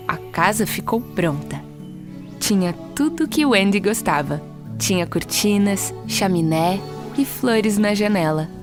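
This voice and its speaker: A woman with a Brazilian Portuguese accent reading a children's storybook aloud in a clear, expressive narrating voice. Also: medium pitch. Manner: clear, expressive storytelling, lifts her voice for characters' lines. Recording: soft music behind.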